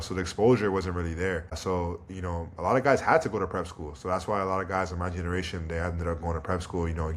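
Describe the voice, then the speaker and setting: A man in his thirties with a very low voice talks as a podcast guest. His delivery is relaxed and thoughtful, with easy filler words. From Toronto, Canada. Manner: relaxed and reflective, leans on "you know" and "like". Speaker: guest, pro basketball player. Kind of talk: casual interview.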